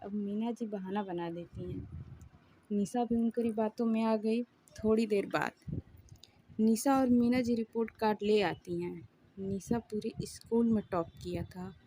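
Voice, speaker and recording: A woman narrates a story in a gentle, emotional way. Her voice is mellow and warm, with middling pitch. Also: fairly even intonation, measured pace, a little hiss or hum.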